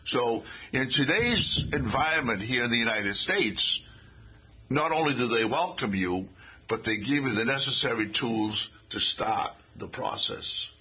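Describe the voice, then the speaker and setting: An older man hosting a casual interview. He sounds forceful and a little husky, and he keeps praising his guest's answers with encouragement. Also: mid-range voice, animated, measured pace. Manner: warm, encouraging questioner who praises answers. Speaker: talk show host.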